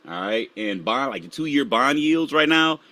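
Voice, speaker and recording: A man with a bright, forceful, animated voice hosts a live stream, speaking a little slowly as he casually walks viewers through market charts. He chats with them while pulling each chart up, sometimes dropping to a low mutter to himself while he searches for the next one.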